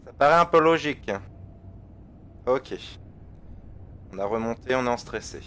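A man's voice: medium pitch, expressive, moderate pace, fairly bright tone, slight background noise. A man giving casual let's-play commentary, chatting with viewers and trailing off mid-sentence. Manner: chatty, talks to viewers and chat, laughs, trails off. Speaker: gamer.

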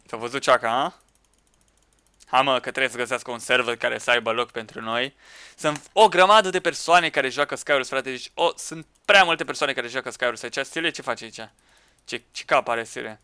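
A man commenting on a Minecraft match with friends, excitable, shouting at teammates and laughing. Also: mid-range voice, clean tone, dry recording. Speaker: gaming YouTuber.

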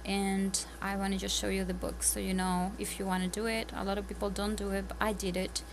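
A woman with a mid-range, level voice speaks a little fast in a casual tips vlog. She's a homeschooling mother from a Spanish-speaking country whose first language is Spanish, and she talks earnestly with a Spanish accent at a table indoors at home, with many ums and restarts. Background noise is audible.

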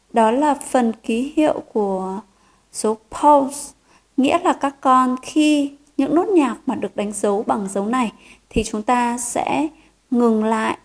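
A woman teaching a children's piano lesson, gentle and encouraging, counting beats and singing note names. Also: on the high side.

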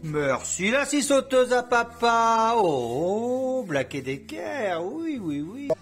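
A man's voice: very high-pitched, sing-song, slow pace, fairly bright tone, soft background music. A man filming a casual home DIY vlog, talking to viewers in a playful, jokey way, with a put-on southern French accent. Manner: playful, jokey, talks to viewers, hums and sings bits. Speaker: DIY vlogger.

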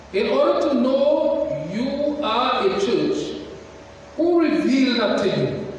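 A man preaching a sermon in a church, slow and deliberate, putting questions to the congregation. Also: very high-pitched, darkish tone, slight background noise. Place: large church hall. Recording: echoey church hall from far off.

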